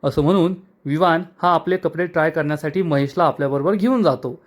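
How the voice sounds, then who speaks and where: A man narrating a recap of a TV serial episode in a brisk storytelling manner. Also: on the high side.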